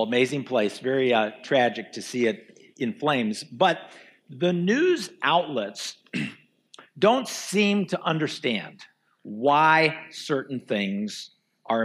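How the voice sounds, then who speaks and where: Male pastor, mid-pitched, earnest sermon delivery, keeps asking the church rhetorical questions. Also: expressive, slow. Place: church before a live congregation.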